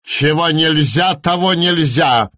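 Storybook raven: old, grumpy, preachy male, pitched high and scolding, played by a man. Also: big pitch swings, takes it slowly, fairly bright tone, no room sound, clean studio sound, exaggerated voice. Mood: lecturing. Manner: scolding, lecturing. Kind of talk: storybook reading.

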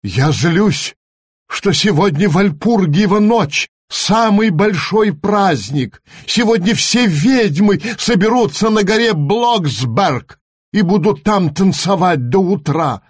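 A man's voice: sits high, animated, slow, breathy edge, dry recording, studio quality, pitched above the performer's own voice, full character voice. A man voicing a hot-tempered, stubborn little girl witch in a storybook reading. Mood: angry. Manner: defiant, petulant.

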